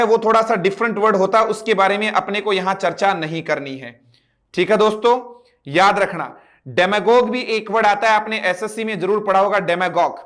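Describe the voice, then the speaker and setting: A man's voice: sits high, a bit bright. A man with an Indian accent teaching an English grammar lesson, explaining step by step, asking his students questions and spelling words out letter by letter.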